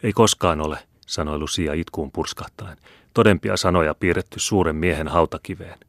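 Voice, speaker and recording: A man reading the part of a once stern older wife who now speaks gently and soothingly to her husband. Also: deep voice, no room sound, clean studio sound. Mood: tender. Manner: soothing, coaxing.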